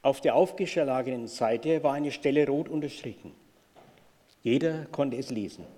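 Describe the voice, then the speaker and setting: Calm man preaching in an echoey hall. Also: medium pitch, normal speed. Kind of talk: sermon with story reading.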